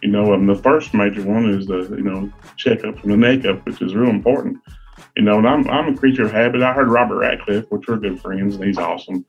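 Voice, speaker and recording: Casting note: middle-aged man, husky and low, folksy storyteller, muffled audio. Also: fairly quick, soft background music. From Virginia. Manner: folksy, self-deprecating storyteller. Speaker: guest co-host, sales rep. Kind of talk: casual podcast chat.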